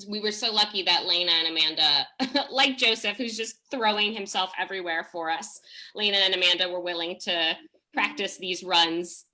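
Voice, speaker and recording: Her voice is medium-pitched, bright, and pushed. Speaking as a theatre director and fight choreographer on a video call, she's chatty and gushing, frequently interrupting her own sentences.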